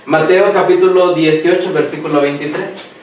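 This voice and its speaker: A man preaching a sermon who quizzes the congregation and lets them finish his sentences, slowing down to read scripture aloud. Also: a little high, fairly even intonation, darkish tone, a little hiss or hum. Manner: slows down when reading scripture aloud. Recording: echoey hall, mic far off.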